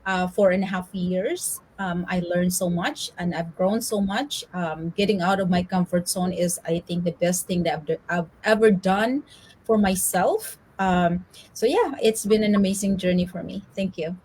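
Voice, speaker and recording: A woman's voice: lowish voice, normal speed, a little mellow, slight background noise. A woman, introducing herself on a live video chat in a cheerful, grateful way, with lots of "um" and "uh". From the Philippines. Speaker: co-host, business owner.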